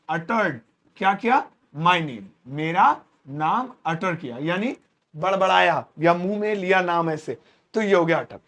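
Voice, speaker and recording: A man teaching spoken English to camera, who asks questions and answers them himself and slows down to spell out English phrases. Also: high voice, a bit bright. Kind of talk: spoken English lesson explained in Hindi. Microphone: speaking to camera.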